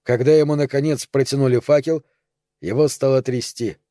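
A male narrator reading a novel aloud at a steady, measured pace. His voice is dark and mellow at a middling pitch. The recording is close and dry. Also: no echo. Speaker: audiobook narrator.

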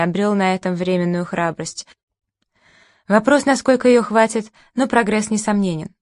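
A woman narrating an audiobook in an ironic, even storytelling manner. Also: mid-range voice, no echo, studio quality.

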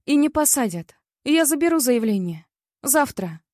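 A woman reading a calm, detached young woman. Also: high-pitched, moderate pace, dry recording, clean studio sound, voice pushed up. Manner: quiet, flat calm.

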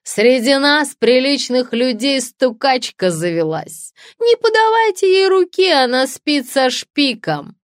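A woman's voice: sing-song, slow pace, no echo, studio quality. A woman reading an audiobook, voicing a drunken, spiteful female writer who jeers and drawls. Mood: shrill. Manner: shrill, jeering and drawling. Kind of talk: audiobook character voice.

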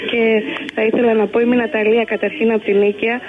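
A woman's voice: a little high, little pitch movement. A woman calling in to a radio show, speaking earnestly and with passion. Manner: earnest, impassioned. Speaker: caller. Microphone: telephone. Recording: tinny phone line.

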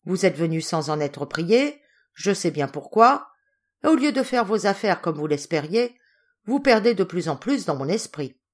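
A woman's voice: lowish voice, big pitch swings, a little slow. A woman voicing a stern, irascible old male general in a storybook reading, speaking harshly. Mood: angry scolding. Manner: harsh, scolding.

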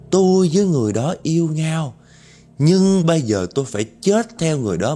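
A man's voice: mid-range voice, dark tone, breathy edge, pitched above the performer's own voice. A man voicing a mournful young ghost. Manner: mournful, pleading. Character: young man's ghost, sorrowful and pleading.

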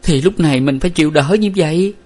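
A man's voice: sits high, fairly quick, voice pushed up, close to an everyday voice. A man voicing a frightened, grieving young daughter in a storybook reading, pleading and tearful. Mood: urgent pleading.

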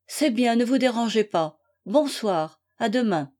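A woman's voice: a little high, expressive, unhurried, darkish tone. A woman reading an audiobook, voicing a reserved husband who speaks with curt, formal politeness. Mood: cool.

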